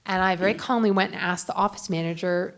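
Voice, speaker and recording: A woman's voice: fairly low pitch, fairly even intonation, fast talker. A woman reporter speaking on a panel, telling a story in a chatty way with many fillers. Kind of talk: anecdotal panel talk.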